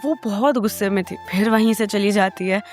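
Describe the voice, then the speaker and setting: A woman's voice: mid-range voice, normal speed, soft background music. A woman telling a story in a casual, chatty, informal way, talking to the listener like a friend.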